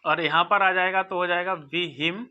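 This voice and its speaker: A teacher giving a recorded lesson, explaining slowly and patiently, sounding out word forms and often checking that listeners follow. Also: mid-range voice, steady tone, pushed and bright. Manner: patient, repeats and checks understanding. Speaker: Arabic grammar teacher. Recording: dull lo-fi recording.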